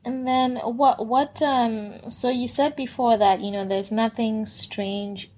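A woman's voice: a little high, steady tone, takes it slowly, dark tone. A woman hosting a casual interview, asking rambling questions that she rephrases as she goes. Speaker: podcast interviewer.

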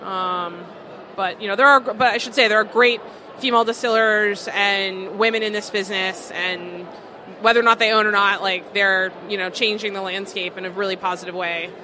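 A woman's voice: medium pitch, steady tone, moderate pace, sharp tone. A woman co-owner of a distillery talks loosely, full of fillers. Her voice sits mid-range. Market noise runs steadily behind her. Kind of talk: casual interview answers. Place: busy food market. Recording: noisy market background.

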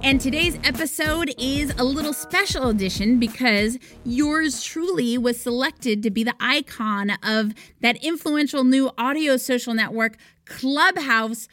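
A woman hosts a podcast and chats casually with guests. Her voice sits a little on the high side, and she sounds bubbly and excitable. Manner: bubbly, excitable, repeats "crazy". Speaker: podcast host.

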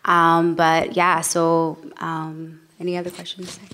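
A woman's voice: lowish voice, monotone, takes it slowly, sharp tone. A woman from Kansas City, a church planter, introducing herself on a panel in an easygoing, joking way. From Kansas City, Missouri.

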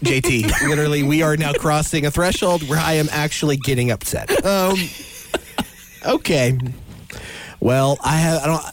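A man's voice: fairly high pitch, normal speed, noisy background. A man in his thirties co-hosting a podcast, bantering playfully before leading the discussion. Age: 30s. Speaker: podcast co-host. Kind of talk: casual podcast chat.

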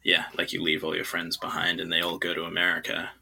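Young man, low gravelly voice, sharp bright tone, hesitant rambling interview chat. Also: completely flat delivery, fast talker. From New Zealand, raised in China. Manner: hesitant, rambling with many fillers and laughs. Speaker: guest musician.

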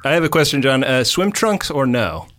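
A man co-hosts a podcast in an easy conversational style. His pitch is average for a man. He speaks into a microphone on a boom. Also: very animated, moderate pace, noisy background. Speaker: podcast co-host. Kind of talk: casual podcast chat. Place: bathtub in a home bathroom.

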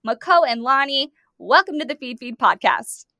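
Woman, podcast host, enthusiastic, scripted intro reading, somewhat high voice, dry close sound. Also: very animated, normal speed, pushed and bright, no echo. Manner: enthusiastic, reads guest bios with emphasis. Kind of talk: scripted introduction then interview.

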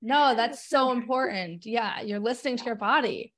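A woman's voice: fairly high pitch, moderate pace, a bit bright. A woman hosting an interview, answering with brief affirming reactions and questions. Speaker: interviewer, host. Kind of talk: casual interview.

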